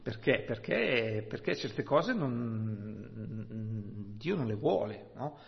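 Preacher in a reverberant hall. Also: male voice, on the low side, animated, vocal fry. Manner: slow, emphatic Bible exposition with rhetorical "no?" and "hm?". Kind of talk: sermon. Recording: dull, long-reverb church hall sound.

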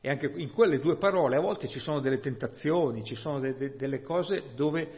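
A man preaching a sermon, expounding scripture slowly and emphatically, often checking in with "no?" and "hm?". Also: fairly high pitch. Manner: slow, emphatic Bible exposition with rhetorical "no?" and "hm?". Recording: dull, long-reverb church hall sound.

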